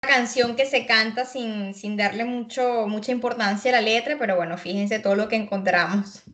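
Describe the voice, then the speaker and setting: A woman's voice: on the high side, fairly quick, fairly bright tone. Thoughtful woman in casual discussion. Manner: thoughtful, repeats words while searching. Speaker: co-host analyzing song lyrics.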